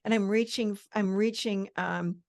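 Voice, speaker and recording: Gravelly-voiced enthusiastic woman podcast host. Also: mid-range voice, steady tone, a little slow, darkish tone, no echo. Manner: enthusiastic, affirming, laughs easily. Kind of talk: conversational interview.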